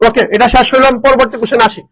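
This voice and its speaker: A man teaching a live online lesson, energetic, repeating answers and quizzing his students. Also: extremely high pitch, racing, rough recording. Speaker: admission coaching teacher.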